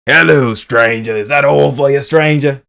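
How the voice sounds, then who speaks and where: A man's voice: mid-range voice, vocal fry, voice pushed up. A man doing a playful impression of a male game shopkeeper, stretching his words and raising his voice. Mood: playful mimicry. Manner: drawn-out, loud, raised mock voice. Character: hooded male shopkeeper greeting a stranger.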